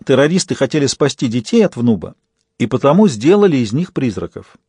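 A male audiobook narrator with a mellow, dark tone and a measured, even delivery. The recording is dry and close, with no room sound. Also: mid-range voice, slightly rough, no echo. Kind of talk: scripted narration.

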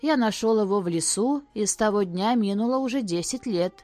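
A woman voicing a plain, honest woodcutter who answers calmly in a storybook reading. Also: medium pitch, a little fast, no room sound, faint music behind, natural voice.

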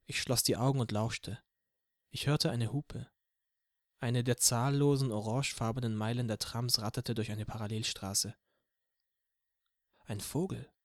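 A man's voice: medium pitch, unhurried, pauses often, no echo. Man narrating an audiobook, dry and close. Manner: steady first-person storytelling. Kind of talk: scripted narration.

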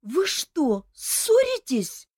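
A woman's voice: high-pitched, huge pitch swings, extremely slow, a little mellow, no room sound, clean studio sound, pitched above the performer's own voice, full character voice. A woman reading an audiobook, voicing a timid young girl with a plaintive, pleading way of talking. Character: young girl newly arrived in a magic kingdom, timid. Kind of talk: audiobook character voice.

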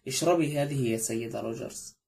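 A man voicing a calm, brisk doctor in an audiobook, soothing but curt. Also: medium pitch, gravelly, close to an everyday voice.

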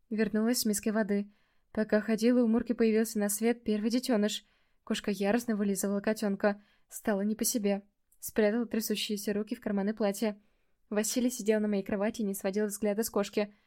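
A woman reads a first-person fantasy story aloud in a mellow, warm voice. Her storytelling is measured, turning livelier when she speaks the dialogue and dropping softer in reflective moments. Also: mid-range voice. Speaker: audiobook narrator.

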